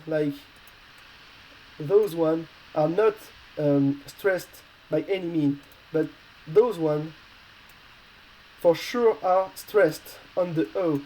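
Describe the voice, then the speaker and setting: Hesitant male teacher with a mellow voice. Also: fairly high pitch, poor audio. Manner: hesitant, many pauses and filler sounds; non-native English with slips. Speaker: Spanish teacher. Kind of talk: explaining a grammar lesson.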